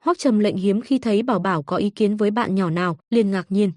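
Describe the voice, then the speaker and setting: A woman narrating a comic story in an even, steady reading. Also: medium pitch, brisk, dry recording, clean studio sound.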